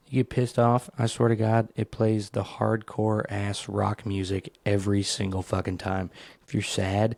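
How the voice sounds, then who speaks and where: A man's voice: creaky, dry recording. A man hosting his own solo podcast, ranting in a rambling, profane, comic way and telling stories with animation. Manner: animated storytelling, leaps into higher voices for quotes. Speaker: podcast host.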